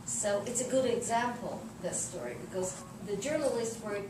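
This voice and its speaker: A middle-aged woman with an Israeli accent tells personal anecdotes in an informal interview, halting and searching for words. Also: medium pitch. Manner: halting, searching for words in non-native English. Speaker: journalist being interviewed. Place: indoors in a living room, seated on an armchair. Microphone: distant camera microphone. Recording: roomy, noisy recording from a distance.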